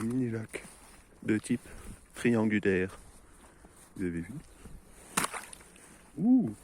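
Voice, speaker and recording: A man vlogging outdoors in a snowy forest, joking with viewers in a mock-formal explorer manner. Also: fairly low pitch. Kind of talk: playful mock-explorer commentary. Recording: noisy outdoor recording.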